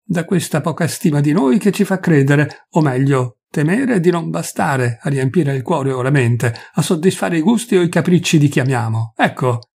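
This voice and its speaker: Reader playing a vain, hot-tempered gentleman, husky, indignant. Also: a little high, expressive, normal speed, hardly any pauses, full character voice. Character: vain, irritable gentleman, quick to anger.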